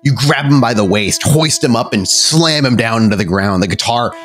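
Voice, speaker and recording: Faint music plays behind a game master whose mid-range, slightly bright voice is animated and moderately paced. He tells the tabletop role-playing story with dramatic description and breaks off for casual rules chatter.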